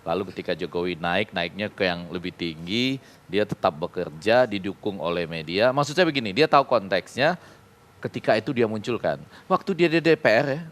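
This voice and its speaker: A man's voice: fairly low pitch, animated, brisk, fairly bright tone. A man giving his view as a guest on a television talk show, reasoning his point step by step. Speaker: guest commentator.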